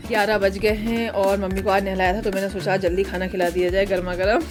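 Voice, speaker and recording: Young woman vlogger, hoarse from a cold, chatty running commentary over soft background music. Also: mid-range voice, flat delivery, quick pace. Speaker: family vlogger. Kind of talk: casual home vlog narration.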